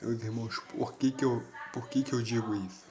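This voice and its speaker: A man's voice: medium pitch, fairly even intonation, brisk, low-quality recording. A man preaching an earnest sermon to video viewers, constantly addressing his listeners as brothers. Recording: background noise.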